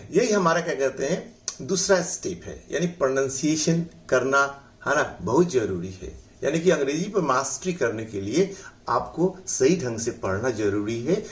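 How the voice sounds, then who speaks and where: A middle-aged man with a Bihari accent teaching an English pronunciation lesson, saying words slowly syllable by syllable, repeating them, and often adding "है ना". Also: mid-range voice. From India. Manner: uses the filler "है ना".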